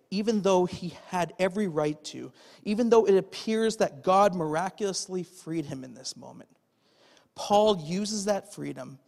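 A pastor preaching a conversational sermon, often checking in with "okay?" and asking the congregation questions. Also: male voice, high voice, vocal fry, darkish tone. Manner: asks the audience rhetorical questions. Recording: long hall reverb.

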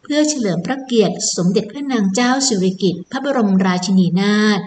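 A woman's voice: on the high side, expressive, brisk, a little mellow, reverberant, slight background noise. A woman presenter giving a promotional event announcement, politely inviting listeners and repeating key details. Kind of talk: promotional announcement, semi-scripted.

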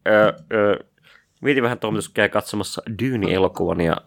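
A man's voice: on the low side, vocal fry. A man co-hosting a podcast in casual chat, hesitant with many fillers and frequent swearing. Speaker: podcast co-host.

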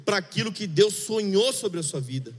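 Male pastor, high voice, chatty confessional sermon with fervent peaks, long hall reverb. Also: expressive, moderate pace. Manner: conversational and confessional, swings from quiet murmurs to fervent outbursts. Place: church hall.

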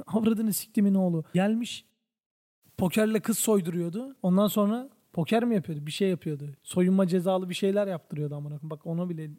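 A man's voice: high-pitched, a little fast, dark tone. A young man from Turkey in his twenties, hosting a podcast, ranting casually and swearing a lot in an exasperated way. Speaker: podcast host.

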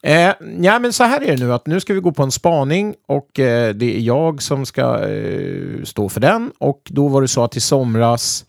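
A man hosting a podcast in relaxed, rambling casual chat, often hesitating. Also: mid-range voice, creaky, few pauses, dry recording, clean studio sound. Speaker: podcast host.

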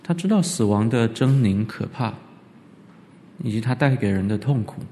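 Animated man lecturing in an echoey hall. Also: moderate pace, slight background noise. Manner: animated, jumps high in pitch for emphasis. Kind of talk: church lecture on scripture. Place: church hall. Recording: reverberant church hall.

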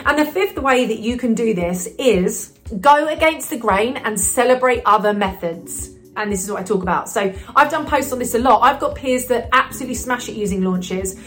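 A woman's voice: fairly high pitch, normal speed, fairly bright tone, soft background music. Chatty, upbeat woman business coach. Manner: chatty, upbeat, many "you know" fillers. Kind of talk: casual talk to camera.

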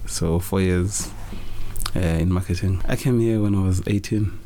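A young man from Zimbabwe answering interview questions in a relaxed, hesitant way, with many fillers and restarts. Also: low voice, moderate pace, slight background noise. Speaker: interview guest, business founder.

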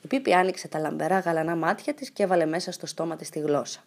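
Woman reading a kids story aloud, calm and even narration. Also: on the low side. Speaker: reader.

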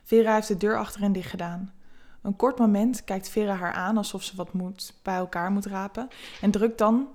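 A woman narrates an erotic story in a soft, close, intimate voice. She reads unhurried and even, with a medium pitch, keeping the tone gentle throughout.

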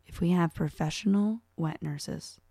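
Young woman co-host, gravelly, dark tone, loose chatty delivery. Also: on the low side, unhurried, dry recording, clean studio sound. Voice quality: gravelly, dark voice, rambling with many fillers. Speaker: podcast co-host. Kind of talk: casual chat.

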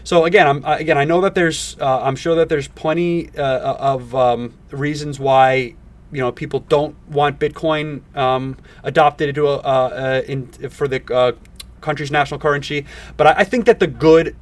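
Higher-voiced crypto-bro podcast guy, slightly off-mic. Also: steady tone, distant mic. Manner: halting, repetitive, filler-heavy delivery. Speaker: podcast host. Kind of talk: casual podcast commentary.

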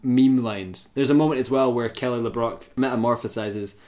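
A man's voice: mid-range voice, normal speed, a little mellow. A man co-hosting a casual film chat, wry and mocking in his jokes. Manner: wry, mocking, laughs often. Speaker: podcast co-host.

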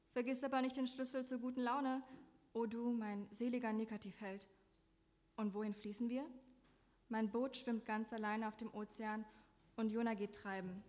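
A woman reading her own literary prose aloud at a reading, with a dry, deadpan delivery. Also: on the high side. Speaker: author reading her text. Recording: echoey hall.

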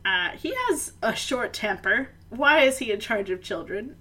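A woman chatting casually about a movie, animated and swearing, acting out characters in quick bursts. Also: fairly high pitch, husky, rough recording. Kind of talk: casual chat reviewing a movie.

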